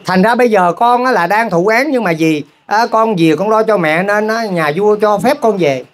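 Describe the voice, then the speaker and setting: A lay preacher with a Southern Vietnamese accent, telling a moral story as a sermon and keeping the congregation involved with rhetorical questions. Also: medium pitch. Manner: keeps asking the audience rhetorical questions; repetitive, folksy, halting restarts.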